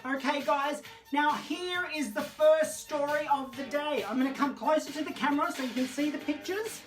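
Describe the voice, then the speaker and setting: A woman with a high voice hosts children's story time, reading a picture book to camera at a moderate pace. She's theatrical, camp, and exclamatory, with disco music in the background.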